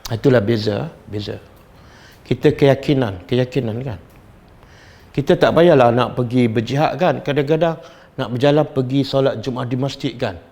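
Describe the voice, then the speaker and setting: A middle-aged man with a Malaysian Malay accent, giving a religious study lecture and questioning his audience in an animated, teasing way. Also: medium pitch, normal speed. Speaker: religious teacher.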